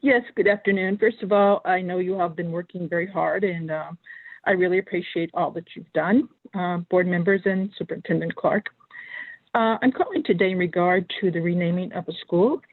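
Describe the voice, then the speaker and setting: Phone caller, woman, public comment; earnest and measured, slightly husky, heard over a thin, dry phone line. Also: lowish voice, no room sound. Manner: earnest, measured, pausing often to find words. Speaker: public commenter calling in to a school board meeting.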